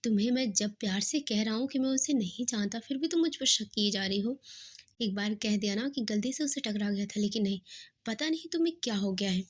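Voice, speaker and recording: Brief: possessive, quick-tempered young husband from a storybook romance, read by a woman in her own voice. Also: fairly high pitch, close to an everyday voice. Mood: scolding. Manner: pleading, then scolding through gritted teeth. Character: possessive young male mafia husband, protective and hot-tempered.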